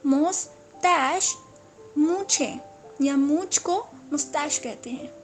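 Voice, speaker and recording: A woman teaching English vocabulary, saying each word slowly, repeating it and correcting common mispronunciations. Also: high voice, soft background music. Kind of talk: slow, repetitive vocabulary lesson.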